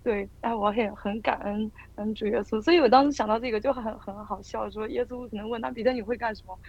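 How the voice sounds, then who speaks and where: Woman, husky voice, fairly high, storytelling with fillers, dull lo-fi call audio. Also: steady tone, fast, darkish tone. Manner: storytelling with many fillers and self-corrections. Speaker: guest sharing a testimony. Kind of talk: casual Bible study sharing.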